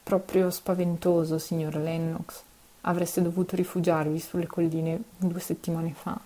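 A woman voicing a shaken young male army officer in a storybook reading, speaking slowly with a trembling voice. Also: lowish voice, flat delivery, mellow, natural voice. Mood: grave. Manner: slow, trembling voice.

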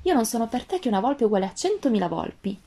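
A woman voicing a gentle, wise female fox with a calm, earnest tone in a storybook reading. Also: a little high, fast talker, voice pushed up.

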